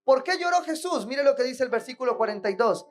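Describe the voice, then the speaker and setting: A woman's voice: sits high, lively intonation, fast, faint music behind. A woman preaching a sermon in church, asking rhetorical questions and checking in with the congregation.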